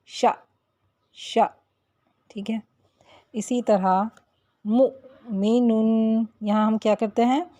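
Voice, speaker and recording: A woman's voice: mid-range voice, mellow, dry recording. A woman teaching the rules of Quran recitation, explaining each rule patiently and stretching out the example syllables. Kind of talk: tajweed lesson.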